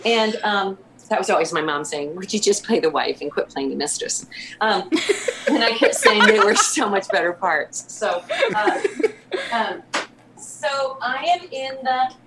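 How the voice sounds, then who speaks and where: A middle-aged woman, a podcast guest, telling an animated story with laughter and acted-out quotes. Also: mid-range voice, a little slow, very noisy. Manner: lively, laughing, acts out quoted lines. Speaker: podcast guest, theater artistic director.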